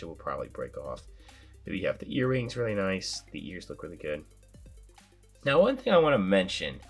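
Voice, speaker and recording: A toy reviewer who hosts his own channel chats through a casual review, his medium-pitched voice raspy from a sinus infection. He rambles in a relaxed way, sprinkling in filler words.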